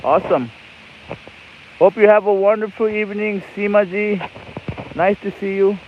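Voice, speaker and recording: This livestream host, a man from Nepal, chats happily and wanders from topic to topic as he rides an e-bike outdoors, filming on his phone. He speaks at a moderate pace in a high voice with fairly flat intonation. Loud ambient noise comes through the low-quality phone recording.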